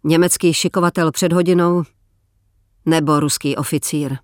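A man reading a novel aloud, measured, slowing down for emphasis. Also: on the high side, steady tone, no echo, studio quality. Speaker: narrator. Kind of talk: scripted audiobook narration.

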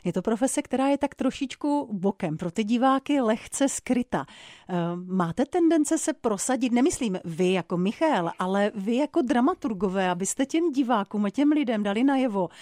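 A woman's voice: a little high, animated, darkish tone, no room sound, clean studio sound. A woman interviewer asking direct, probing questions.

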